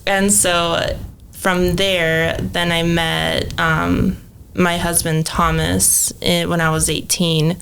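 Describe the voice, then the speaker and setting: This podcast guest runs a cleaning business and talks in a relaxed interview style, dropping plenty of ums and likes. She's in her thirties, originally from Mexico, and grew up in Phoenix. Her voice is deep with vocal fry, and a bit of background noise can be heard.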